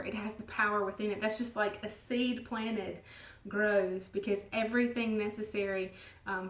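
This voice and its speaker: A woman giving an earnest, gentle devotional teaching, at times dropping her voice very low. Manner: gentle and earnest, soft laughs, drops to near whisper. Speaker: ministry leader. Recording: roomy sound from a distance.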